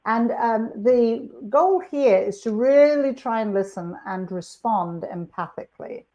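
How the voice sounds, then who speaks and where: A woman's voice: medium pitch, dark tone, highs cut off. Upbeat woman presenting a webinar. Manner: chatty, upbeat, with frequent fillers and restarts. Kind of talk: live online workshop presentation.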